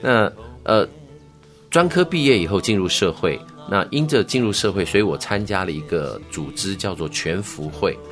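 A deep-voiced middle-aged man with a Taiwanese Mandarin accent, telling his own story as an interview guest. He speaks earnestly and gets animated, pushing his voice up for emphasis, with soft music faint underneath. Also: moderate pace. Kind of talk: interview, recounting life story.

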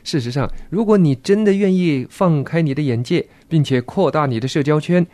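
Relaxed male radio host, mellow tone. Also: fairly high pitch, a little fast, no room sound. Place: radio studio.

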